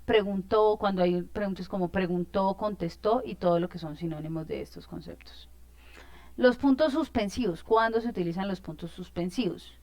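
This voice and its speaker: A woman's voice: medium pitch, normal speed, darkish tone, no echo. A woman teacher, explaining a lesson in an informal way, with many fillers and check-in questions.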